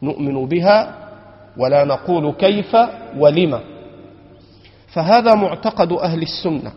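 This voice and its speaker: Man, religious teacher, measured lecture, slow verse recitation, slightly raised pitch, breathy, long reverberant hall. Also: animated, highs cut off. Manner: measured, slows to recite verses and correct pronunciation.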